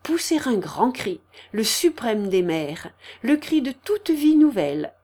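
A woman reading a classic novel aloud in a measured, expressive storytelling manner. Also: a little high. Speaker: audiobook narrator. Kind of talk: scripted literary narration.

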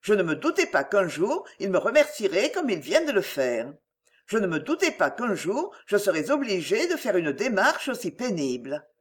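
In acted audiobook dialogue, a woman voices a self-pitying, scheming middle-aged mother, plaintive, melodramatic, and wheedling. Her medium-pitched voice swings widely in pitch at a moderate pace, staying close to an everyday voice.

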